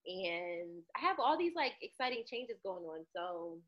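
A soft-spoken woman chatting casually as a guest on a talk show, on a dull remote call. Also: fairly low pitch, very animated, a little slow. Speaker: returning guest, author. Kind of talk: casual chat.

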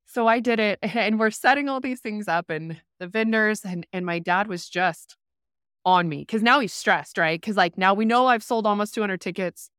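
At a normal speed, a woman with a smooth, slightly bright mid-range voice shares a candid story in conversation as a podcast guest. She's a rural entrepreneur, heard in studio quality with no room sound, speaking animatedly, saying "like" often and dramatizing quotes.

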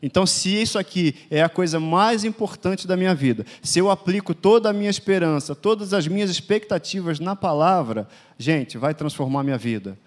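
A man's voice: high voice, brisk. A man with a Brazilian Portuguese accent preaching a sermon, stressing his points with emphatic, repeated declarations. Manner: emphatic, repetitive declarations that swell louder.

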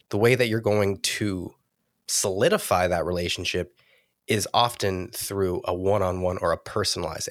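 A man's voice: lowish voice, no room sound, studio quality. A man hosting a solo podcast, talking with a stuffy, nasal voice while giving earnest coaching advice. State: congested, nasal. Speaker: podcast host.

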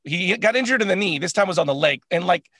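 A man co-hosting a casual sports chat, animated and laughing often, with lots of filler words. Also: high voice, quick pace, dry recording, studio quality. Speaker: co-host.

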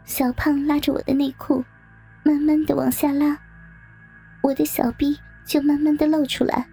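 A woman narrating a first-person adult story in a soft, breathy, near-whispered delivery. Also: sits high, flat delivery, normal speed, soft background music.

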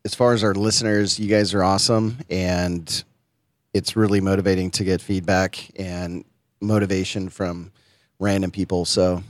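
A man's voice: deep voice, little pitch movement, moderate pace, no room sound. Laid-back man co-hosting a podcast. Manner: laid-back, laughs often. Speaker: podcast co-host. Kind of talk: casual podcast chat.

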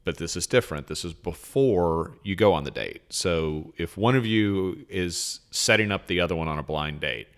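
Man, very low voice, podcast guest, casual chat, animated, lots of restarts. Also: moderate pace, few pauses. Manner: animated, acts out quotes, frequent restarts.

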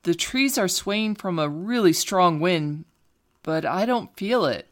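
An actress playing a nervous young woman about to be hypnotized, speaking haltingly with stammers. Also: on the low side, expressive. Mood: entranced.

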